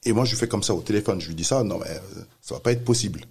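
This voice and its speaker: Gravelly low-voiced Frenchman telling a story. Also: fast talker. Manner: animated, acts out quoted voices, many restarts. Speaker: music manager telling a story. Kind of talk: casual storytelling chat.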